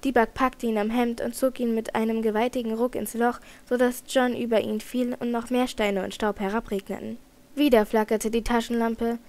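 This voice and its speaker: A woman reading a children's adventure novel aloud in even narration, with occasional slips she corrects. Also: on the high side, normal speed. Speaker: audiobook reader.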